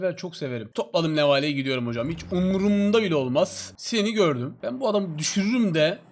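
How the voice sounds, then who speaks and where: Excitable hoarse man streaming a shooter. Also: fairly high pitch. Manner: excitable, bursts of yelps and repeated calls. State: hoarse from shouting. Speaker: mobile shooter game streamer. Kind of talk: casual live gameplay commentary.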